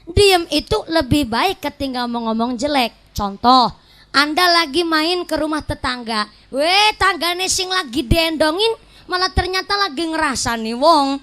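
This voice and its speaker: A woman preacher with a high voice and a Banyumas Javanese accent delivers a comic sermon. She tells playful stories and slips regional dialect words into her talk. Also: lively intonation, normal speed, fairly bright tone. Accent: Banyumas Javanese (Ngapak). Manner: jokey storytelling, mixes regional dialect words into Indonesian. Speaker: Islamic preacher. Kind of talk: humorous sermon.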